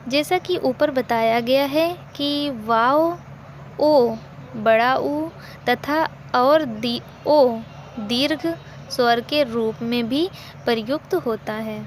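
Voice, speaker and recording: A woman with a fairly high voice teaches a language lesson at a very slow, deliberate pace. She repeats each example and poses questions she answers herself. Faint background noise sits under her voice.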